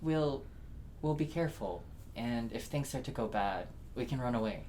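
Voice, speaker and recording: A woman's voice: extremely low pitch, animated, moderate pace, warm tone, a little hiss or hum. A young woman playing a determined, idealistic student protester in scripted drama dialogue. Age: young adult.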